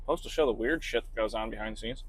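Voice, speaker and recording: A man's voice: fairly low pitch, quick pace, slightly rough. A truck driver talking casually to his camera while he works, in a laid-back, chatty way with casual swearing. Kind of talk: casual vlog narration.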